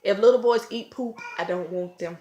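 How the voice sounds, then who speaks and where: A woman, a mother and vlogger, telling a casual storytime at home with loud, animated acted-out quotes and screams. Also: medium pitch, moderate pace, reverberant, highs cut off, slight background noise. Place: home, room with children around.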